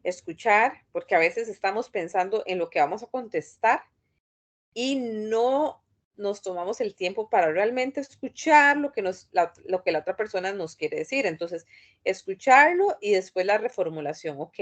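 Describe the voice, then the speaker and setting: Profesora que explica pausada, con muchos "este". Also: female voice, medium pitch, lively intonation. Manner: thoughtful, many fillers and restarts. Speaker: teacher. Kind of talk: online class lecture.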